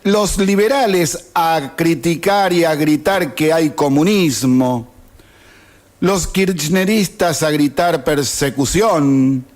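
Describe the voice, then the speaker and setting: A man's voice: a little high, a little mellow. A man in his fifties with an Argentine accent, reading a sarcastic opinion editorial on radio. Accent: Argentine Spanish. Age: 50s. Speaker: radio host. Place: radio studio.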